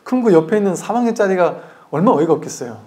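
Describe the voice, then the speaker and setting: A man's voice: high-pitched, expressive, rapid-fire, darkish tone. A man, a Buddhist monk, giving a conversational dharma talk that acts out the voices in his stories and asks the audience questions. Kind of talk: sermon.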